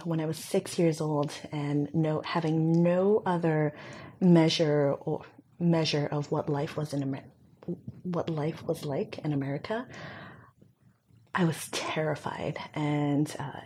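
Low, mellow-voiced woman recounting her story. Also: measured pace, slight background noise. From Hong Kong. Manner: reflective, speaks with frequent fillers. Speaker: guest. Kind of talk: conversational interview.

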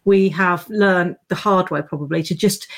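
A woman's voice: on the low side, normal speed. A middle-aged British woman talking casually as the host of a podcast.

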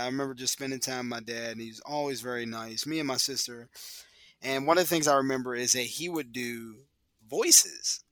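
A man's voice: mid-range voice, a bit bright, dry recording. A man speaking as a guest in an interview, reflective and hesitant, often trailing off into fillers.

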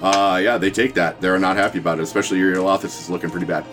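Male game master, deep-pitched, casual tabletop narration with music underneath. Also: steady tone, fast talker, fairly bright tone.

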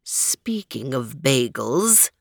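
Storybook villain: purring evil tomcat mastermind, deep and drawn out, read by a woman. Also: very animated, gravelly, husky, no echo, clean studio sound, heavily acted. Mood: gloating villainy. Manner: purring, gloating, slow and menacing. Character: sly evil male cat criminal mastermind.

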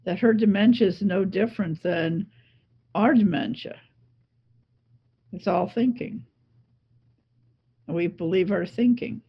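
A woman's voice: medium pitch, unhurried, pauses often, breathy edge, muffled recording. A woman speaking as a coach and interview guest, teaching conversationally in an emphatic, reflective way with repeated phrases.

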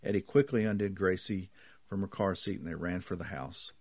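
A man reads a story aloud in a measured, even voice. His voice sits low, and the sound is dry and close. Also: breathy edge, no echo. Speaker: narrator. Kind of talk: storytelling reading.

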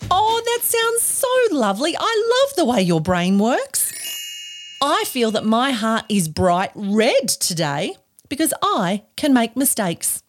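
A woman's voice: fairly high pitch, sing-song, slow, a little hiss or hum. An Australian woman hosting a podcast for young children, speaking in a broad, exaggerated, encouraging singsong like children's theatre.

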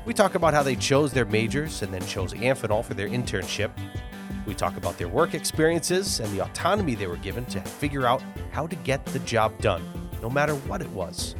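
A man hosting a podcast, interviewing guests in a relaxed, joking way. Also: medium pitch, brisk, over music. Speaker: podcast host. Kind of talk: casual interview.

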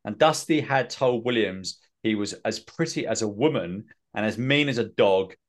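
Man, lowish pitch, casual recap chat, rambling, filler-heavy. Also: expressive, normal speed. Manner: rambling, self-mocking, many fillers. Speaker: podcast host.

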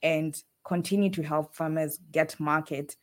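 A woman from Kenya, a guest in an interview, telling her career story in a lively way. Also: sits low, unhurried. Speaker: fellowship guest, food production manager. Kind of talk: casual interview talk.

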